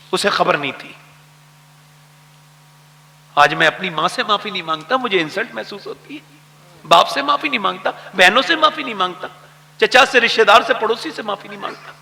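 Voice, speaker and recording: Fervent male preacher with a north Indian Urdu accent, high and bright, in a reverberant hall. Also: animated, creaky, long pauses. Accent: Urdu-speaking north Indian. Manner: storytelling, shifting between hushed and loud fervent preaching. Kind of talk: Islamic sermon with stories.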